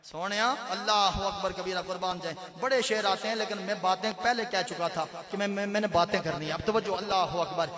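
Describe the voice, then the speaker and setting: A man with a Punjabi accent preaching a sermon, moving from soft storytelling to loud sung cries. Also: high-pitched, steady tone, few pauses. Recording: echoey hall with crowd behind.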